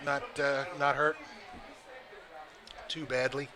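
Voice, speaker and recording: A man giving relaxed, chatty color commentary at a live high school football game, with joking asides. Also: slow pace, a crowd in the background. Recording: noisy outdoor broadcast recording.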